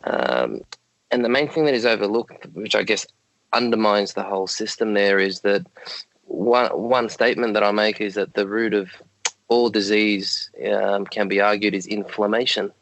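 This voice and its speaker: A man with a croaky voice, giving measured, explanatory answers as a podcast guest. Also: fairly low pitch, a bit bright, rough recording. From Australia. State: croaky voice, late at night. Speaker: guest, dog health advocate.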